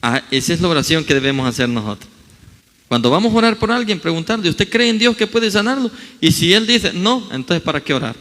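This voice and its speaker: A man preaching from the pulpit, his voice high and lively with wide pitch swings. He acts out the scripture quotes as he goes. A long church reverb trails each phrase. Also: fairly quick. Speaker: pastor. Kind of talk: sermon. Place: church hall.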